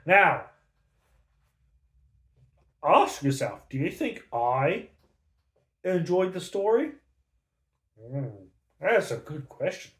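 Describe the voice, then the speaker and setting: A man's voice: a little high, very animated, slow pace, pauses often, reverberant. A man giving a casual, angry, sarcastic book review full of swearing.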